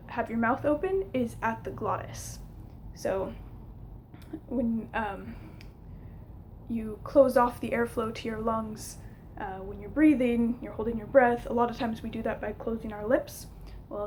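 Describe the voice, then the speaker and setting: A woman's voice: on the high side, a little mellow, slight background noise. A young woman giving an informal explanatory lesson to camera as a teacher, sometimes hesitant, recorded on a camera mic at home. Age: young adult. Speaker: linguistics teacher. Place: small room at home, indoors.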